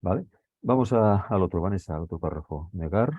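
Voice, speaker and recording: A man's voice: low voice, lively intonation, fairly quick, husky, dry recording, narrow, tinny audio. A man teaching a class, walking students through a text and checking often whether they follow. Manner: checks understanding with frequent tag questions.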